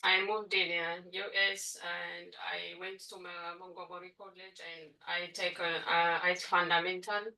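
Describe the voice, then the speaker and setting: Quiet hesitant woman from ethiopia, flat bright voice, sounds far from the mic. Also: fairly low pitch, unhurried, vocal fry, few pauses. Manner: soft-spoken, hesitant. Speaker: webinar attendee. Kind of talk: casual self-introduction. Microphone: video call. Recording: distant video-call audio.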